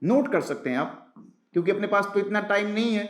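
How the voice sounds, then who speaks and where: A man teaching an exam-prep biology lesson, asking rhetorical questions and answering them himself, repeating key terms slowly and mixing English science words into his talk. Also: high voice, lively intonation, roomy sound.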